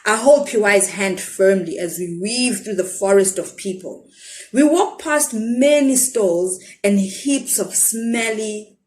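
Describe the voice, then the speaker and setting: Expressive woman reading a children's story. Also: medium pitch. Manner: expressive, asks listeners questions.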